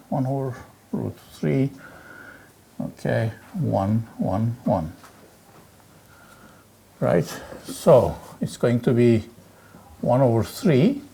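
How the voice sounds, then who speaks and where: A man lecturing on physics, working through exercises aloud in a halting way and peppering his talk with "okay" and "right". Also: mid-range voice, sing-song, gravelly, warm tone, a little hiss or hum. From Turkey. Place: lecture hall.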